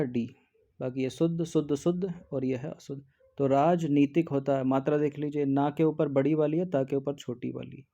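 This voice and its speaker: An exam-prep teacher explains a Hindi test paper, working methodically by reading each option aloud and eliminating them one by one. His voice is mellow and fairly high, though his delivery is level and flat. The recording sounds dull and lo-fi.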